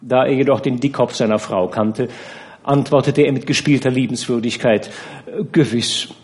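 A man narrating a classic novel as an audiobook, in a measured, expressive storytelling manner. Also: medium pitch. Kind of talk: literary audiobook reading.

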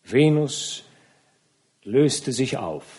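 Grave measured male audiobook narrator. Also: mid-range voice, animated, darkish tone. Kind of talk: literary audiobook reading.

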